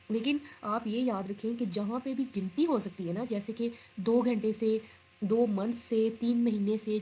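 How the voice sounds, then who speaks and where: A woman English teacher giving a recorded online class. She explains step by step, reads example sentences slowly, and often says "ठीक है". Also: fairly high pitch, darkish tone, a little hiss or hum, poor audio.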